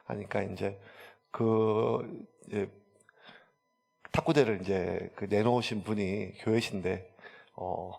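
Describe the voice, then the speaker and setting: A man's voice: on the low side, steady tone, takes it slowly, gravelly, long pauses, darkish tone. A male pastor, chattily telling a story in a sermon, full of fillers. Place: church sanctuary. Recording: long church hall reverb.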